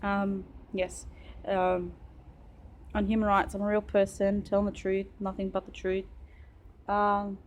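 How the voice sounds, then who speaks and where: A woman, originally from Romania, speaking to camera in a halting, earnest monologue full of fillers. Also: mid-range voice, a little hiss or hum. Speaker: vlogger. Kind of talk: rambling personal monologue.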